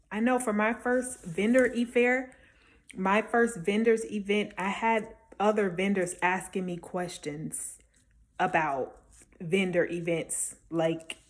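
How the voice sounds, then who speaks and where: A woman with a slightly low voice offers casual, motivational advice as a small-business vendor coaching newcomers from her own experience. She's encouraging and emphatic, keeping it conversational with small check-ins to the listener.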